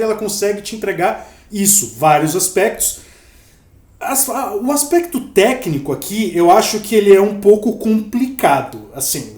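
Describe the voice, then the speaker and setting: Brazilian male reviewer, high-pitched voice, colloquial and opinionated, recorded in an echoey room. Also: darkish tone. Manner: opinionated, colloquial, explains by examples. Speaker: podcast host reviewing a horror series. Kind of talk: casual spoken review. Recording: roomy, echoey sound.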